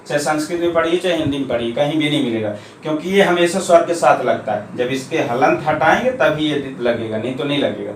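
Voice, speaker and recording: A man with a slightly high voice teaches a grammar lesson, going through each point patiently and repeating key terms slowly. He is recorded in an echoey room with a faint hum behind him.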